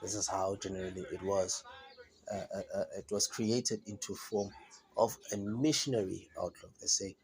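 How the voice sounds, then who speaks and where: A man giving an informal lecture on history, halting often with restarts and checking that listeners understand. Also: sits low, steady tone, darkish tone, low-quality recording. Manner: repetitive, halting with many restarts; asks "do you understand?".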